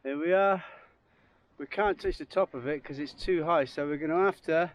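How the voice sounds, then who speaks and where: A man's voice: on the high side, moderate pace, no echo. A man giving casual, chatty walk-along narration as a hiking vlogger, talking informally into a handheld camera outdoors. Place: outdoors on open moorland hills. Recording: outdoor wind and ambient noise.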